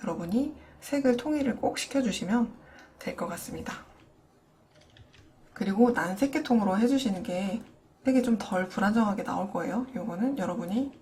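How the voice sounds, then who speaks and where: A young adult woman narrates a screen-recorded drawing tutorial and explains color techniques step by step. Her voice sits at an ordinary middle pitch and stays patient as she speaks straight to her viewers. A faint hiss runs under the recording. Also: expressive, normal speed, mellow. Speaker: digital painting instructor.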